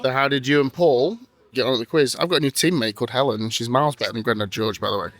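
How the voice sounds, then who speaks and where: A man's voice: medium pitch, rapid-fire, a bit bright. A tired man hosting a casual travel vlog, chatty, jokey and rambling. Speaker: vlog host.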